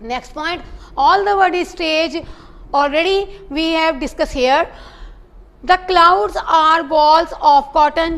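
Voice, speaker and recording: A woman teaches an English lesson in a very high voice. She takes her time, reading each English line slowly and then explaining it in Urdu. She breaks words apart into syllables as she teaches.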